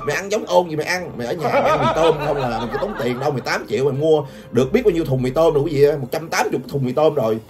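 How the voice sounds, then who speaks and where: A woman's voice: low voice, animated, very fast, few pauses. An older woman giving taunting gossip commentary, laughing often and constantly addressing her viewers. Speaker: gossip vlogger. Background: background music.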